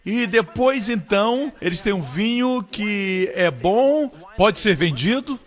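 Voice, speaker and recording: In this Portuguese-dubbed sermon, the preacher speaks slowly but animatedly, his fairly high voice jumping up each time he hammers home a point. Every phrase trails off into long reverb, like sound filling a large hall.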